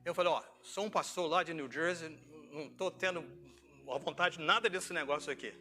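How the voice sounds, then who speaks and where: Preaching informally, a middle-aged Brazilian man shares personal anecdotes in a conversational way, acting out dialogue and posing rhetorical questions. He speaks a little fast in a slightly high voice that sounds pushed and bright. Soft music plays behind him.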